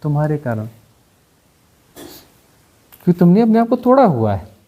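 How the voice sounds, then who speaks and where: A man teaching spiritual talk, posing rhetorical questions and giving animated mocking examples. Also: high voice, normal speed, narrow, tinny audio. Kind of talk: satsang discourse.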